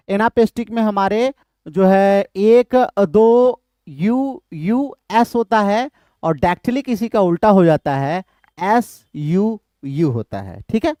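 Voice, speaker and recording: Slow, deliberate male lecturer. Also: high voice, a little mellow, clean tone, no room sound, clean studio sound. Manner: slow, deliberate, repeats terms and greets students by name. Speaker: English literature teacher. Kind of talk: live online lecture in Hinglish.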